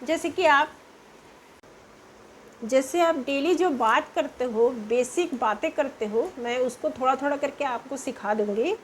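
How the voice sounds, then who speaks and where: A woman's voice: sits high, unhurried, a little hiss or hum. A woman teaching English pronunciation, spelling words out letter by letter and asking the class questions. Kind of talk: slow spelling-out lesson.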